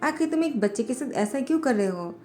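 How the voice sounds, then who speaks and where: A blunt young male assistant scolds his boss in an exasperated way, as a woman narrator puts him on. The voice is fairly high with a mellow tone. Faint music runs underneath. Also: expressive, a little fast.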